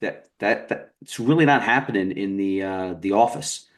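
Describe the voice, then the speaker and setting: Thoughtful low-voiced male podcast host. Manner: measured and thoughtful, restarts his sentences while framing long questions. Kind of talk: long-form interview questions.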